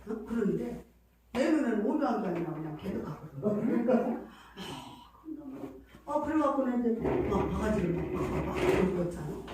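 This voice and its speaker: A woman's voice: a little high, big pitch swings, moderate pace, recorded from a distance, background noise. Woman pastor preaching in an echoey hall. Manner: emotive storytelling with many fillers. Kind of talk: sermon. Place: church sanctuary.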